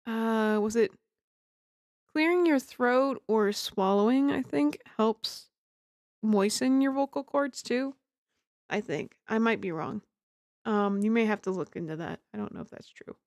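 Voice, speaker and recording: This is a streamer and amateur voice actor chatting casually on a game livestream, close to the mic, giggly, rambling and self-deprecating. Her voice is on the high side with a darkish tone and a measured pace. There is no room sound, though music plays underneath.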